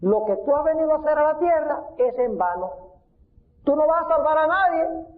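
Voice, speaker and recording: A man's voice: very high voice, animated, moderate pace, pitched above the performer's own voice. A man voicing a scornful male devil who taunts and tempts in a raised, mocking voice. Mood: taunting. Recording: tinny phone-like sound.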